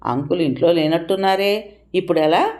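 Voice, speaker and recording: A woman's voice: on the low side, a little mellow, close to an everyday voice. Woman voicing a timid, fretful young woman. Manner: hurried, fretful pleading.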